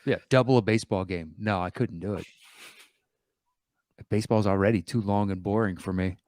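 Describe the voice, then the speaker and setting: A man's voice: lowish voice, brisk, no echo. Guy cohosting a podcast, chill and a bit sweary, dry sound. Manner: relaxed, swears casually, reads listener questions aloud. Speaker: podcast co-host. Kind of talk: casual chat.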